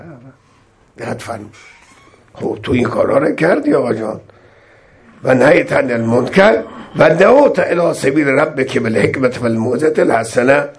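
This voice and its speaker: A man preaching a sermon, swinging between loud exclamations and soft recitation of scripture. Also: mid-range voice, vocal fry, slightly rough.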